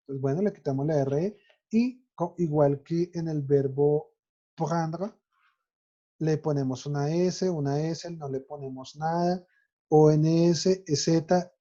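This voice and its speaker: Dark-voiced teacher. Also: male voice, a little high, unhurried, muffled recording. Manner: methodical, spells out endings letter by letter. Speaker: French teacher. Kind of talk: recorded online grammar lesson.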